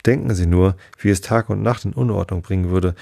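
A man's voice: low-pitched, fairly quick, gravelly, dark tone, no echo, clean studio sound. Man reading as a polite storybook girl.

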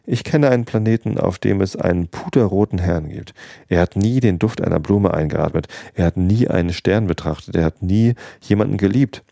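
A man's voice: low voice, moderate pace, creaky, mellow, no room sound, studio quality. A man reading as the little prince, indignant. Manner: insistent questioning, rising to angry pleading. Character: small boy prince, earnest, persistent and indignant. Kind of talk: reading a storybook aloud.

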